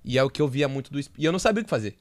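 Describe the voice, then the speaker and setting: A young Brazilian man on a podcast, telling a personal story in a slang-filled, animated way. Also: mid-range voice, rapid-fire. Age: young adult. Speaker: podcast guest. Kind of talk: casual storytelling.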